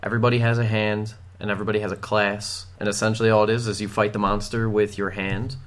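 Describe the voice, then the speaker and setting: A man's voice: fairly low pitch, flat delivery, quick pace, fairly bright tone. A man hosting a casual group chat, rambling with fillers and laughing often.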